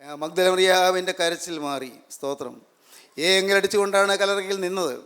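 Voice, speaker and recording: A man's voice: sits high, moderate pace, a bit bright, smooth. A man preaching a sermon, emphatic and repetitive, full of rhetorical questions. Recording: long hall reverb.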